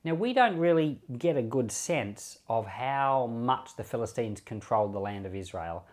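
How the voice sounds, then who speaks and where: This clip features a mid-range, expressive male voice at a moderate pace. He's an Australian pastor and Bible podcaster giving informal commentary on scripture, often circling back to brief repeated phrases.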